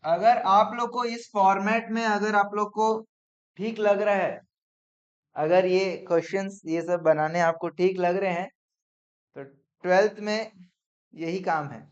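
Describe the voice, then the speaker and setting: Brisk male commerce teacher, lo-fi. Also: high voice, fairly even intonation. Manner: brisk, coaxing, peppered with "theek hai?". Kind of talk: classroom lecture. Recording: dull lo-fi classroom recording.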